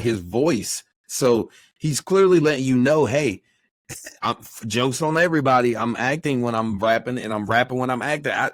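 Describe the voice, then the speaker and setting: A man with a somewhat low voice talks casually in a podcast chat. He rambles and gets animated, acting out little quotes as he goes. The sound is dry and close. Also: dry recording. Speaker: podcast co-host.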